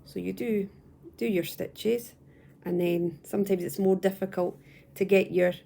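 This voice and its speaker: A young woman from the UK calmly walking viewers through crochet stitches step by step at home, patient and repeating herself as she goes. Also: medium pitch, unhurried, creaky, slight background noise. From United Kingdom. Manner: calm, patient, repeats and restarts phrases. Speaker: crochet tutor. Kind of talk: step-by-step craft tutorial. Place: at home, indoors.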